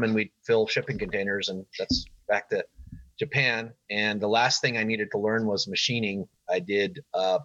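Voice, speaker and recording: A middle-aged man being interviewed as a podcast guest, plain-spoken with halting starts, talking casually. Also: fairly low pitch, pushed and bright, dry recording, highs cut off. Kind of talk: casual interview, recounting his career.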